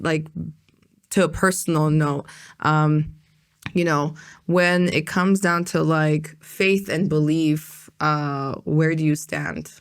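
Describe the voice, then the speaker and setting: This American podcast host has a low, clean-toned voice. She rambles casually through an interview chat, leaning heavily on "like" and "um."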